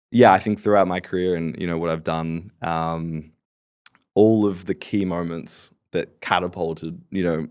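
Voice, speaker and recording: Guy grew up in asia and australia, low gravelly voice, calm flat reflective answers. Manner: measured and reflective. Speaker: podcast guest, entrepreneur. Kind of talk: interview answers.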